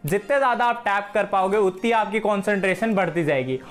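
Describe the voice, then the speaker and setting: A young man walks viewers through cricket drills at home, in a friendly, instructive way. He speaks to a camera set across the room. Soft music plays behind him. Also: sits high, fairly quick. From Haryana, India. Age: young adult. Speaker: cricket coach.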